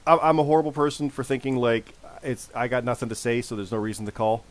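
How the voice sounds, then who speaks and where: A man in his forties with a hoarse, worn voice, hosting a casual podcast and repeating phrases for emphasis. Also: mid-range voice, steady tone, quick pace, no echo. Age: 40s. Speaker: podcast host.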